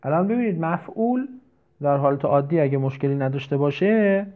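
A man giving a grammar lesson, working through examples step by step and throwing out questions he answers himself. His pitch rises and falls a lot as he talks. The sound is thin and tinny, like a phone line. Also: expressive. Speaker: Arabic grammar teacher.

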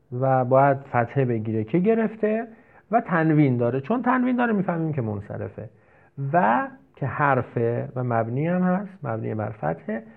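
A man's voice: medium pitch, vocal fry. A man teaching an Arabic grammar lesson. He explains step by step and asks and answers his own questions. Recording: tinny phone-like audio.

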